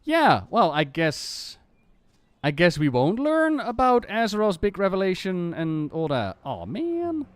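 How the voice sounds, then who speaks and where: A man giving casual live gaming commentary as a streamer, thinking aloud in a halting way with repeated words. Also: high voice, wildly swooping pitch, no room sound. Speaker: game streamer.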